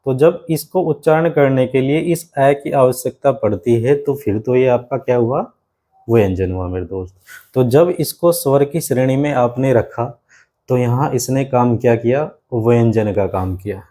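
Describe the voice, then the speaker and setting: Mellow-voiced male grammar teacher. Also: medium pitch, unhurried. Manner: explains step by step with frequent rhetorical questions; keeps addressing students as friend. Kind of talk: online exam-prep grammar lesson.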